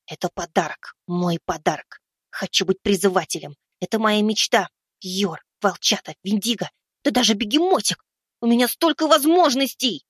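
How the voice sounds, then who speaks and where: A shrill, cackling young summoner gone vengeful. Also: male voice, normal speed, fairly bright tone, slightly rough, dry recording, clean studio sound. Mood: desperate. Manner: shrill, mocking, taunting cackle. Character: young male summoner turned gleeful, menacing avenger. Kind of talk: audiobook character voice.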